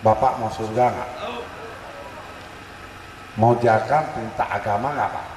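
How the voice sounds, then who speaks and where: A man's voice: fairly low pitch, a little slow, darkish tone, slight background noise. A man preaching at a village gathering, telling a moral story and quizzing the audience with questions. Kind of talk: religious talk at a village gathering. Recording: echoey hall sound from far off.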